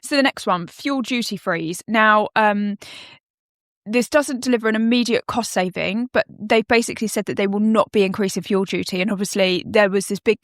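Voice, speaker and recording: British woman, podcast co-host, patient tax explainer, dry close sound, mid-pitched voice. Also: normal speed, dry recording. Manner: explanatory, steady, with frequent ums. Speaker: accountant explaining tax changes. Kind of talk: casual podcast discussion.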